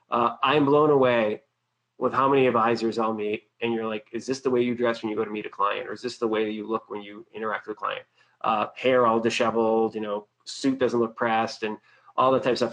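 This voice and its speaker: A man's voice: medium pitch, a bit bright, poor audio. A man in his forties from Boston gives a sales training webinar in a casual, chatty way, often checking in with the listener. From Boston, USA. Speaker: webinar presenter.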